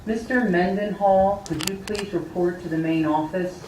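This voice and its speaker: A school staff member making a polite, formal announcement over the intercom, heard through a loudspeaker in a classroom. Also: medium pitch, fairly even intonation. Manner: polite, formal, slow repeated request. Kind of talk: public address announcement. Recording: echoey distant loudspeaker with background noise.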